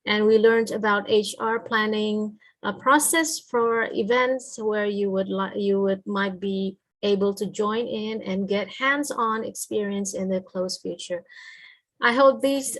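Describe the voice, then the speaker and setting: A woman with an Indonesian accent moderates an academic session over a video call. Her pitch sits in the middle of the female range. She speaks politely and semi-formally, searching a little for her phrasing as a native Indonesian speaker. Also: fairly even intonation, slow, poor audio. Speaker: moderator of an academic guest lecture. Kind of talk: semi-formal closing remarks at an online lecture.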